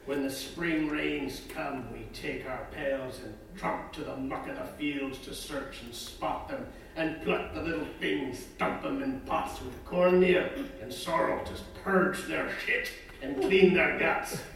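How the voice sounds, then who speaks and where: A gruff peasant farmer, as played by a man, speaking slowly with a gravelly, creaky edge. He is blunt, crude and earthy. He is heard from far off in a big, echoing space. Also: a little high, fairly bright tone, slight background noise. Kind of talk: stage acting. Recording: roomy stage sound from far off.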